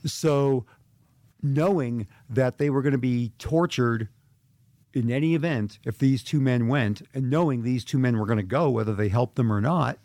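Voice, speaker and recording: A man's voice: medium pitch, moderate pace, darkish tone, no room sound. Earnest middle-aged man, dry sound. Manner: earnest, reflective, with frequent restarts. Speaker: author and guest. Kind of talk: interview conversation.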